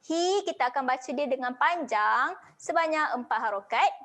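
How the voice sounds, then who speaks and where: Malaysian lady teaching quran reading on a video call, high voice, patient, step by step, slow chanted examples. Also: expressive, fairly bright tone. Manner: patient step-by-step explaining, slow drawn-out model recitations. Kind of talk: online tajwid class.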